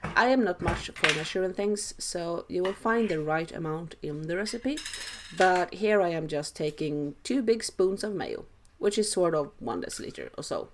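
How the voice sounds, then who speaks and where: A woman's voice: on the low side, lively intonation, moderate pace, slight background noise. A woman with a Swedish accent giving a casual cooking tutorial voice-over with dry, self-deprecating humour. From Sweden. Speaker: home cook, host.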